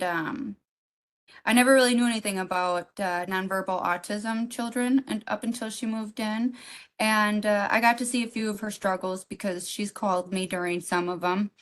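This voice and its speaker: A middle-aged woman hosting a podcast, telling a personal story in a rambling, heartfelt way with many fillers and restarts. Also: mid-range voice. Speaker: podcast co-host.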